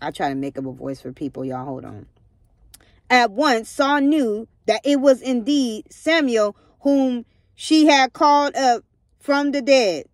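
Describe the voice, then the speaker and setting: Brief: young woman, higher voice, dry close sound, casual vlog storyteller with fervent preachy asides. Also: measured pace, darkish tone, dry recording. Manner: emphatic, preachy asides, keeps calling out to listeners. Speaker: vlogger retelling a Bible story. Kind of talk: casual Bible story reading with commentary.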